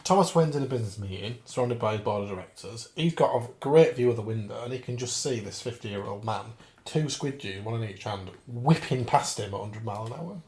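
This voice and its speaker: A man's voice: mid-range voice, expressive, brisk, darkish tone, echoey room. A man co-hosting a podcast in casual chat, playfully building absurd stories. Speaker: podcast co-host.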